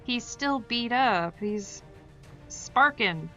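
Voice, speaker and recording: Woman streamer, bright voice, dull lo-fi mic, game music underneath; chatty, self-deprecating. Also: fairly high pitch, lively intonation, very slow. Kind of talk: casual gameplay commentary.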